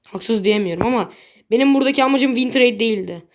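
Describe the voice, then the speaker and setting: High-voiced young woman grumbling over gameplay. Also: fast talker. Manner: chatty, frustrated and blunt, swears lightly. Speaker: gaming video creator. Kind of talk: casual gameplay commentary.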